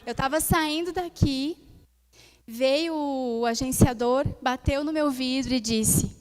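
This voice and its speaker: A young woman minister with a high voice tells a personal testimony from the pulpit. She keeps it animated and speaks straight to her congregation, drawing them into the story. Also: slow pace. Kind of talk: testimony in a sermon.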